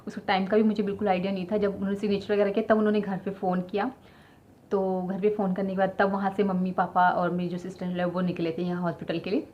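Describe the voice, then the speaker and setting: A young vlogger tells her viewers her childbirth story directly, chatting with plenty of fillers. She talks fast in a mid-range, level voice, and the lo-fi recording sounds slightly dull with faint ambience.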